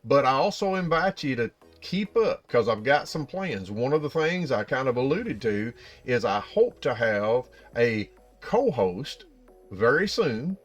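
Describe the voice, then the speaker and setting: A man with an Appalachian hillbilly accent talking casually and folksily to viewers as a channel host, explaining things directly. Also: mid-range voice.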